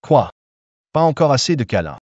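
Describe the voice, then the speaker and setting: A man's voice: medium pitch, sing-song, normal speed, a little mellow, dry recording, dull audio. An actor dubbing an arrogant, short-tempered rich young man in a drama series, curt and scornful. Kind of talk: French dub of a drama series.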